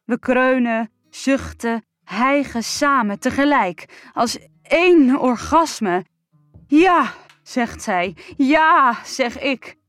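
A woman reading a first-person erotic story aloud in a slow, breathy, sensual way. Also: on the high side, lively intonation, dry recording, faint music behind. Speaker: narrator.

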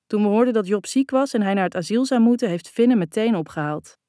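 A woman's voice: medium pitch, expressive, fast, mellow, dry recording, studio quality, voice pushed up, natural voice. A woman voicing a tall, charming young man with a light Brabant accent, who speaks politely and kindly. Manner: polite, friendly.

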